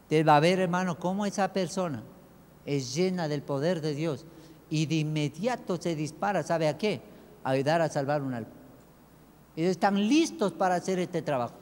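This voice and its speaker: A male pastor delivers an emphatic sermon, firing off rhetorical questions at the congregation. His voice sits high for a man. The sound carries a long echo of a church hall. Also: moderate pace, darkish tone.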